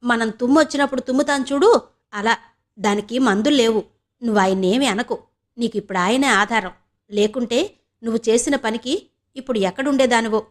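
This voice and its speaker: A woman's voice: fairly high pitch, brisk, long pauses, natural voice. A woman voicing a worried middle-aged mother who coaxes and frets over her daughter in an audio novel. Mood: anxious. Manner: coaxing, fretful.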